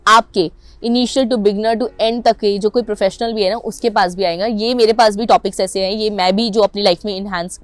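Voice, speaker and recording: A woman's voice: medium pitch, dry recording. A young adult Indian woman teaching public speaking to camera, mixing English into Hindi with an Indian English accent and stressing her words emphatically. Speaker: anchoring and public speaking coach.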